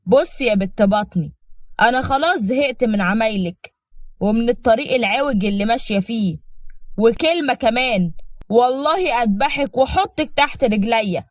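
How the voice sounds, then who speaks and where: A woman's voice: a little high, expressive, normal speed, dry recording, clean studio sound, lightly acted. A woman voicing a harsh middle-aged mother who scolds and threatens her daughter, in Egyptian Arabic. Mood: scolding.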